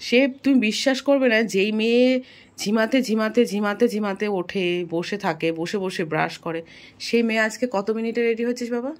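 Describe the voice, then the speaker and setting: Fast-chatting woman home vlogger. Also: a little high. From Bengal. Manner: chatty, addresses viewers directly, scolds her daughter. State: throat slightly hoarse lately. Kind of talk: casual home vlog chat. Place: home kitchen and bedroom.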